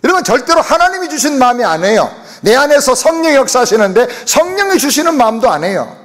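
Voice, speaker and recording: A man's voice: extremely high pitch, very animated, fast, a bit bright. A man preaching a sermon as senior pastor, speaking emphatically to his congregation in a church sanctuary. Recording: long reverb of a church hall.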